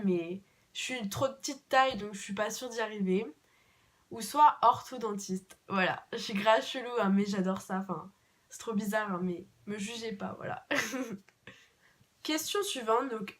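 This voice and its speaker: A woman's voice: on the high side, fairly bright tone. A young woman from France answering viewer questions in a casual vlog, chatty and repeating words for emphasis. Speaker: vlogger. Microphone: camera mic.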